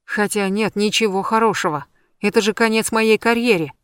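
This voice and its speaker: An anxious young woman, as an audiobook reader puts her on grumbles and then frets close to tears. The voice is middle-pitched and recorded dry and close. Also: moderate pace, a bit bright, clean tone, dry recording, close to an everyday voice. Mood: distraught. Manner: grumbling, then upset and tearful. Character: grumpy, anxious young woman, the heroine's friend.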